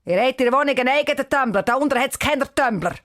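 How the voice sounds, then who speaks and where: A woman's voice: mid-range voice, expressive, moderate pace, natural voice. A woman with a Swiss German accent voicing a curt, grumpy male caretaker in a storybook. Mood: brusque. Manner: curt, dismissive. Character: gruff grumpy male building caretaker, middle-aged.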